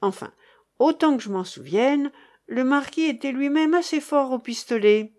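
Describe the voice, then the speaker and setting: A sarcastic, theatrical gentleman speaking with affected, mock-tragic gravity, as a woman puts him on in a storybook reading. The pitch rises and falls freely. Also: expressive, normal speed.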